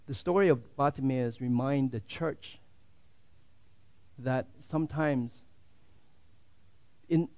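A man preaching a sermon as a pastor in a church, swinging from loud, fervent declarations to hushed, quiet asides. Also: mid-range voice, slow pace, pauses often, muffled recording.

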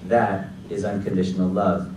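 Lower-voiced man speaking in an echoey hall. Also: little pitch movement, a little mellow, slight background noise. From Los Angeles, United States. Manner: measured, deliberate delivery from a prepared text. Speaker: keynote speaker. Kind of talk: graduation keynote speech. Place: large auditorium stage at a podium. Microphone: podium mic, recorded by a far audience camera. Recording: echoey hall recorded from far back.

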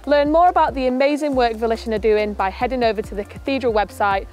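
A young woman hosts a video outdoors, chatty and lively. Her voice sits a little high, and music plays quietly behind her. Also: fast. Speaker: presenter. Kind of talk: upbeat presenting to camera. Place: outdoors, rooftop and cathedral garden.

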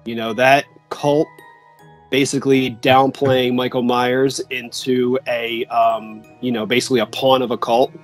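A man's voice: mid-range voice, level tone, a little slow, soft background music. A man, a podcast co-host, talking in a casual, agreeable way with lots of fillers over a video call. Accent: Philadelphia. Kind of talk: casual chat.

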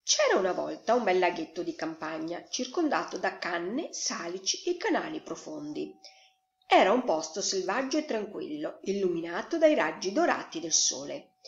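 A woman storyteller reading a fairy tale to children in an expressive, sing-song way. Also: lowish voice, moderate pace. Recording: roomy echo, slightly dull sound.

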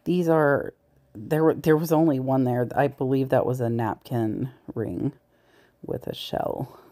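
Her voice is rumbling low, mellow and unhurried as this thrift reseller vlogger chats with viewers through a large thrift store. The casual shop-with-me commentary sometimes falls to a whisper, picked up by a point-of-view body-worn camera mic.

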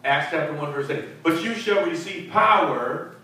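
A middle-aged pastor with a slightly high, bright voice preaches forcefully at a moderate pace during a Bible study, repeating words and calling for responses. He speaks to a seated group in a church fellowship hall. His handheld mic is heard from a far camera, leaving the sound echoey and distant with faint hiss.

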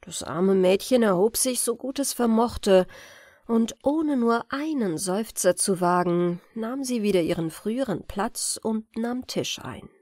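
A woman reading a spooky tale aloud as a calm, measured bedtime audiobook narrator. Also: fairly high pitch, dry recording, studio quality. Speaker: audiobook reader.

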